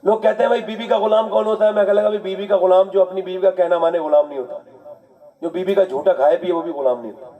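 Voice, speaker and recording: High-voiced man preaching with fervor. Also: fairly even intonation, phone-quality sound. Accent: Urdu. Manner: dramatic, swings from loud shouting to soft pleading. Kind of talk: emotional sermon storytelling.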